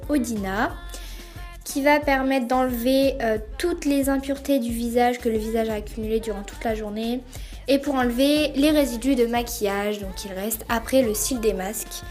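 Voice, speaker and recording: Young girl narrating her routine over quiet music, kinda high voice, lots of euhs. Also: normal speed. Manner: hesitant, many fillers. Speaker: beauty vlogger. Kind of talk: casual voice-over explaining a routine. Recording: voice-over with faint music behind.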